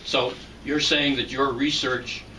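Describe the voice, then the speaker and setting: A man reading a formal introduction and then interviewing a student in a measured way. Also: medium pitch, flat delivery, pushed and bright. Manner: measured, reads a prepared introduction. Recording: distant mic with faint noise.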